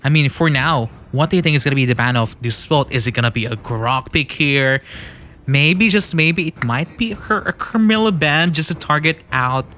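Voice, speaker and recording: A man's voice: mid-range voice, fairly quick, hardly any pauses, sharp tone. A man casting an online mobile esports final in a chatty, laughing way. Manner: chatty, laughs often, thanks sponsors. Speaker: esports caster. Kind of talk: casual esports commentary. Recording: online stream with game music behind.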